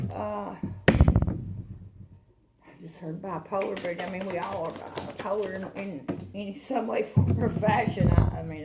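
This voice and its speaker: A woman's voice: medium pitch, gravelly, roomy sound, heavy background noise. A woman hosting a casual tarot reading for her channel, rambling and chatting, often laughing at herself. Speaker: tarot reader and channel host.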